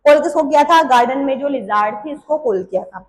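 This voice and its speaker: A woman biology teacher with a Hindi accent, quizzing students with quick questions she answers herself and teaching with playful memory tricks. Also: high voice, lively intonation, roomy sound. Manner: uses playful memory tricks and little stories. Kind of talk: exam-prep biology lesson.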